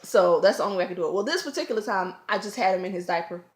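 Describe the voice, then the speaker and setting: A woman, a mother and vlogger, telling a casual storytime at home with loud, animated acted-out quotes and screams. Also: medium pitch, rapid-fire, roomy sound. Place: home, room with children around.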